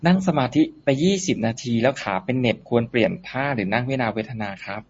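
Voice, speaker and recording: A man briskly and politely reading out submitted questions to a monk. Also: mid-range voice, animated, husky. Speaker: question reader. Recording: dull lo-fi sound.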